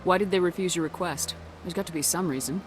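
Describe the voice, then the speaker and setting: A woman's voice: lowish voice, fast talker, slight background noise, lightly acted. A woman playing a blunt, hard-edged military commander in a video game, speaking in a curt, challenging way.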